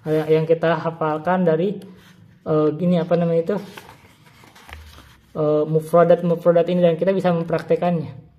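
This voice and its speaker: A man with an Indonesian accent, a native Indonesian speaker, teaching Arabic. He reads Arabic phrases slowly and then explains quickly in Indonesian. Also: a little high, a little mellow. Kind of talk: casual classroom explanation.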